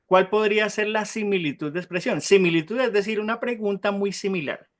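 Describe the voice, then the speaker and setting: Spanish-speaking man teaching an interactive Bible class. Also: high voice. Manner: questions the class often, tag "¿sí?"; spells out Hebrew terms slowly.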